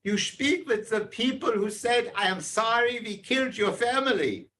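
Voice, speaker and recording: A man's voice: very high voice, normal speed, bright, forceful tone, pitched above the performer's own voice. A man quoting his father, an older soldier, in a blunt and emphatic way.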